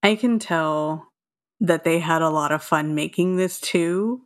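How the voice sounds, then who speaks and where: A woman in her thirties co-hosts a podcast in a casual chat, speaking in a low, unhurried voice. She laughs often and uses many fillers.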